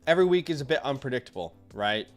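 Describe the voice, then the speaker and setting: A man's voice: mid-range voice, animated, fast, soft background music. A man hosting a casual fantasy football livestream, talking upbeat and straight to his chat through a headset mic. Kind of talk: casual live-stream chat.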